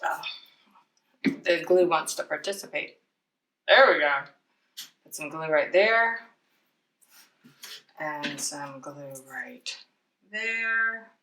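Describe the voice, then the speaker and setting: This woman, a children's library storytime presenter, has a low, expressive voice with a sharp tone, speaking at a slow pace and pausing often. She gives children a casual craft demonstration, chatting playfully with self-deprecating remarks. The sound is roomy, from a distant mic, with clear background noise.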